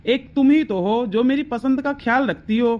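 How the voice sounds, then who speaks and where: Cartoon role: a woman doing a young husband, fairly high voiced, grumbling and easily swayed. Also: moderate pace, lo-fi sound, natural voice. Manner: irritated, complaining. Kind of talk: cartoon voice acting.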